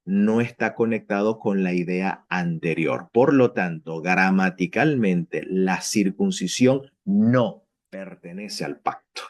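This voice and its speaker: A man with a low voice gives an expository Bible lesson at a very unhurried pace. He lays out each point patiently, often pausing to ask whether his listeners follow, and fixes his own slips as he goes. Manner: slow, explanatory, often checks understanding with "ok"; frequent fillers and self-corrections. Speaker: Bible teacher.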